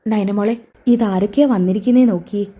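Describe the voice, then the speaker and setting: A worried middle-aged mother, sorrowful and distressed, read by a woman narrator. The voice stays warm and mellow. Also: mid-range voice, a little fast, natural voice.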